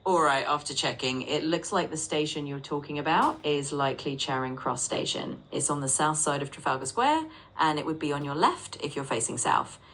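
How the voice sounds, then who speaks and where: A low-pitched female AI voice tutors English in a patient, reassuring way. Her intonation swings widely and expressively. She restates corrections calmly and clearly. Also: moderate pace, hardly any pauses, a little hiss or hum, rough recording. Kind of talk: conversational language tutoring.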